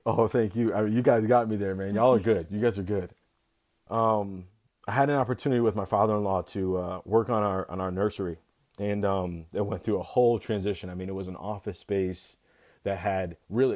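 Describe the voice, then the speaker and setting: A young man with a low voice speaks as an interview guest. He talks candidly about his own life, pausing and restarting his sentences. His tone stays mellow and soft-edged. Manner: reflective, halting with frequent restarts. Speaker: interview guest, expectant father. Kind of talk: candid personal conversation.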